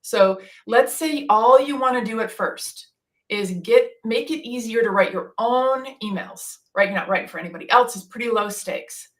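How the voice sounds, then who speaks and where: A woman's voice: fairly high pitch, moderate pace. A woman on a casual panel, explaining a method step by step in an enthusiastic, conversational way, often checking in with "right?".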